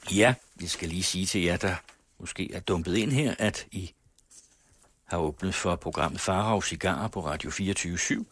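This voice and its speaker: A man's voice: low voice, fairly bright tone, husky. Man reading classics on radio. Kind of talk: literary reading and commentary. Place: radio studio.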